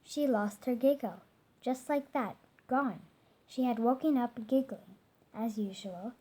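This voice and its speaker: A woman reading a children's picture book aloud, gently, now and then stumbling over hard words. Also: fairly high pitch, unhurried, husky. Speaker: storyteller.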